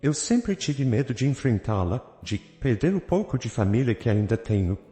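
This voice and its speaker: A man voicing a remorseful young husband who speaks quietly and hesitantly. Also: medium pitch, very animated, moderate pace, close to an everyday voice. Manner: hesitant, apologetic. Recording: roomy reverb with soft guitar music.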